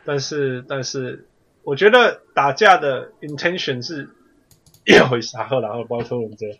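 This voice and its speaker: A man's voice: mid-range voice, animated, moderate pace, a bit bright, husky, dull audio. A man chatting casually about sports as a co-host, often slipping into English. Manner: code-switches between Mandarin and English.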